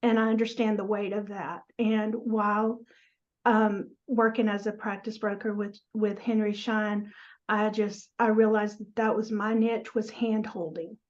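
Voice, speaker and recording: Middle-aged woman, Southern US accent, flat intonation, casual interview guest, slightly dull video-call sound. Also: mid-range voice, measured pace. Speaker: guest, practice transition advisor.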